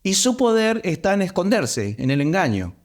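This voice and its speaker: A man's voice: sits high, big pitch swings, moderate pace. A man with a Rioplatense accent preaching a sermon as pastor, stressing points by repeating words. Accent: Rioplatense Spanish.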